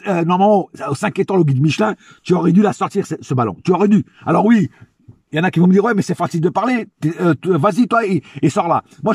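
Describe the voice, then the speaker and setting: A man with a high, husky voice rants through a casual football debrief in a dry, close recording. He is blunt and opinionated, uses slang and swearing, and repeats phrases to drive his point home. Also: darkish tone, dry recording. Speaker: football fan vlogger giving player ratings.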